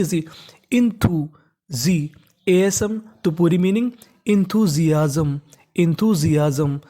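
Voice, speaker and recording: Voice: medium pitch, dark tone. Patient teacher drilling word spellings. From India. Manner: spells words letter by letter, then asks and answers its own questions; repeats each new word slowly several times. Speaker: English reading teacher. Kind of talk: spoken reading lesson.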